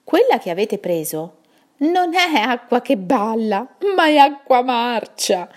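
A woman's voice: fairly high pitch, very animated, slow pace, voice pushed up. A woman voicing a wise old male owl who chuckles and patiently explains, in a children's storybook. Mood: amused.

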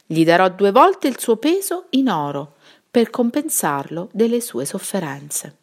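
A woman's voice: mid-range voice, very animated, unhurried. A woman voicing an impulsive, generous nobleman in a fairy-tale reading. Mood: jubilant. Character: jubilant old count, generous and impulsive.

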